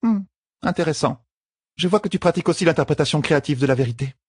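A man voicing a poised, teasing young queen in an audiobook, with a husky tone and composed delivery. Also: fairly high pitch, animated, fast, a little mellow, no echo, clean studio sound, voice pushed up. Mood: wry. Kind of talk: audiobook character voice.

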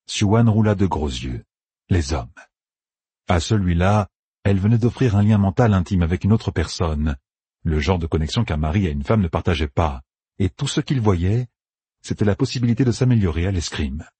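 Male audiobook narrator, deep voice, very husky, dry close sound. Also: animated, normal speed, warm tone, no room sound. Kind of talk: scripted fantasy narration.

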